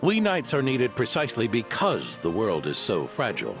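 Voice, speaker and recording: This man's mid-range voice swings hugely in pitch at a moderate pace as he voices a genial, jaunty older knight captain in a video game. He sounds grandfatherly, undaunted and reassuring, with game music playing underneath.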